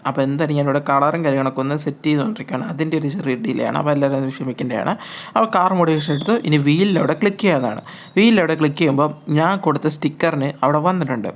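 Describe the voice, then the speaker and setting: A man hosting a gaming channel, giving chatty, repetitive step-by-step instructions as a voice-over on a mobile game tutorial. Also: on the high side.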